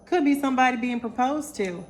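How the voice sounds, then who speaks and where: Female oracle reader, playful and lively, faint background music. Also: sits high, a little fast. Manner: animated, playful, calls viewers honey and y'all. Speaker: intuitive oracle card reader. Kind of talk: casual tarot-style card reading.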